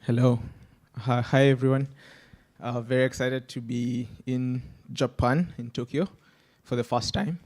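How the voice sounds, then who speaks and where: A man's voice: medium pitch, steady tone, measured pace, darkish tone. A man, introducing himself and his company on a conference panel in an upbeat way, with fillers and an uneven pace. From Kenya. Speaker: panelist, startup founder.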